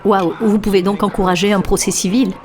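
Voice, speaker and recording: A woman's voice: medium pitch, level tone, brisk, darkish tone, faint music behind, a faint crowd, close to an everyday voice. A woman dubbing an inquisitive interviewer who prods for details in a conversational voice-over. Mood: curious.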